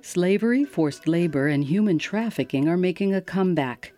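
A woman hosting a radio program, giving scripted narration in a measured, steady way. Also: fairly low pitch, dry recording, faint music behind. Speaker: radio host.

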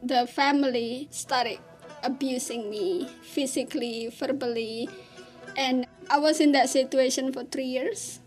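A woman from Indonesia, telling her own story in an earnest, halting way with pauses and restarts. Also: high voice, steady tone, faint music behind. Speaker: interviewee. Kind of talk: personal testimony.

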